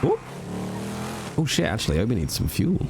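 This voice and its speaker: Heavy background noise surrounds a man with a lowish, vocal-fry voice that swings hugely in pitch at a moderate pace. He's playing a roleplay game on stream with a stuffy nose from a cold, chatting casually to viewers, rambling and swearing freely.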